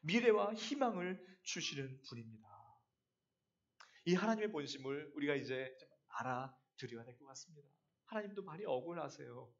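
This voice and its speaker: A male pastor delivering a sermon in a fairly high voice that rises and falls with great animation. He swings from ringing declarations down to soft, confiding lines. The audio is dull and lo-fi. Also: moderate pace. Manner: animated preaching, rising and falling, voicing God's words in a soft intimate tone.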